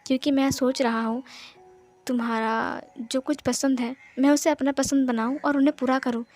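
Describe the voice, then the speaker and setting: Woman doing a cool, possessive young man, calm commanding lines in her own high voice, faint music; storybook. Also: moderate pace, lightly acted. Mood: coaxing.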